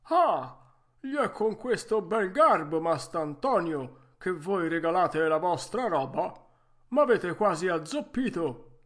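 A man voicing a hot-tempered old woodcarver in a storybook reading, loud and theatrical. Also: on the high side, lively intonation, pitched above the performer's own voice. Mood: aggrieved. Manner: loud, theatrical, quick to anger.

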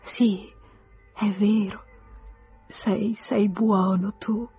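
A woman reader voicing a dying young wife who speaks softly and faintly, close to a whisper. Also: fairly low pitch, a little slow, breathy edge, faint music behind. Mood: faint tender. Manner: soft, hushed, near whisper.

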